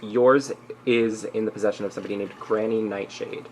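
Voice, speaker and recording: A man narrates a tabletop fantasy game as its game master. His voice sits fairly low and his delivery is casual and improvised, with faint background noise. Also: fairly even intonation, a little fast, low-quality recording.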